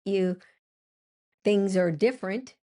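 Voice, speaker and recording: A woman's voice: medium pitch, slow pace, mellow. An older woman co-hosting a podcast with her husband, speaking in a reflective, hesitant way with many restarts. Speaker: podcast co-host. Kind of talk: casual chat.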